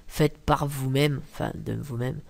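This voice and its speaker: A young man talking through a casual software tutorial, rambling with many fillers and self-corrections, muttering asides and apologizing for swearing. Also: mid-range voice, steady tone, a little slow, gravelly. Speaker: tutorial maker. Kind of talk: casual screen-recording tutorial.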